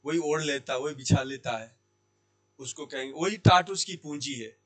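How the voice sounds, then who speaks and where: A man teaching Hindi grammar in a classroom lesson. He asks questions and answers them himself, repeating key words slowly. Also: on the high side, a bit bright. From India. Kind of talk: classroom lesson explaining sandhi. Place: Jaipur language institute.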